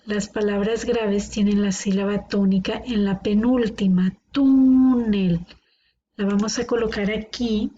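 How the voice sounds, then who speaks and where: A woman's voice: medium pitch, level tone, normal speed, few pauses, warm tone. A woman teaching a grammar lesson, patiently sounding out words syllable by syllable. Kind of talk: classroom grammar explanation. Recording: dull lo-fi recording with faint noise.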